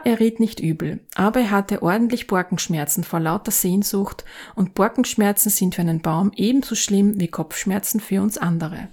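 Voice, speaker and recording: A woman narrating a fairy tale in a calm, even storytelling voice. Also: medium pitch.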